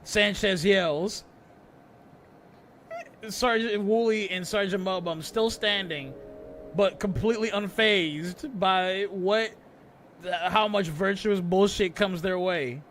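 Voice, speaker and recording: Male streamer, mock-audiobook narration, high bright voice, dramatic, stumbles and laughs. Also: takes it slowly, slight background noise. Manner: dramatic, breaks into laughter, stumbles over words.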